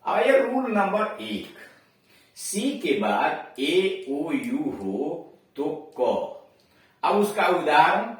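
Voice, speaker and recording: A man with a Hindi accent, teaching English pronunciation slowly in a classroom lesson, repeating each word as he explains it. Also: a little high, sing-song. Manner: slow, explanatory, repeats words for drilling. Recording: echoey room, voice far from mic.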